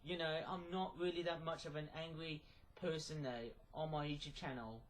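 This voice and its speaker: A man's voice: fairly high pitch, fairly even intonation, normal speed, low-quality recording. A man speaking in a casual, rambling vlog style, apologetic and hesitant, often repeating himself. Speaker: YouTube vlogger.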